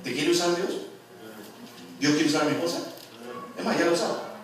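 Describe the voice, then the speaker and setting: A man preaching a sermon in a church hall, lively and joking as he quizzes the congregation. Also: a little high, a little fast. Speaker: pastor. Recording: very echoey hall, from far off.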